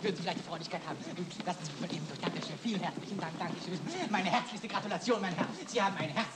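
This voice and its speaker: An actor playing a middle-aged, effusively polite and fussy master of ceremonies in a 1930s film comedy. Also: male voice, high-pitched, racing, close to an everyday voice. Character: fussy, obsequious male master of ceremonies at gala. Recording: noisy old 1930s film soundtrack.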